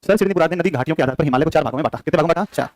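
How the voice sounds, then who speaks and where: In a dry recording, a young man with a slightly high voice leads exam-prep geography while nursing a sore throat. He hammers facts home quickly, repeating quiz questions to the class over and over.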